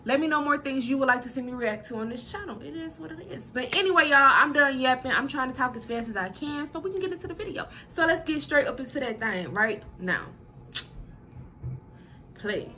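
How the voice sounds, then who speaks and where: Young female reaction host, high bright voice, chatty and slangy, casual to camera. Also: animated, a little fast, slight background noise. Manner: chatty, slangy, addresses viewers as y'all.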